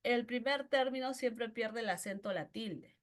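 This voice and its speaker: Slow, higher-pitched woman teaching grammar. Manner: slow and repetitive, checks understanding with frequent questions. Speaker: language teacher. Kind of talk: pre-university grammar lesson.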